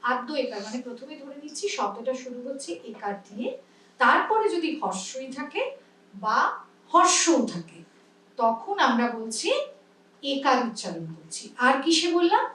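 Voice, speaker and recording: A woman's voice: high-pitched, big pitch swings, normal speed, a bit bright, slight background noise. A woman with a Bengali accent teaching pronunciation in a workshop. She explains patiently and often checks that her students understand. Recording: echoey room, mic at a distance.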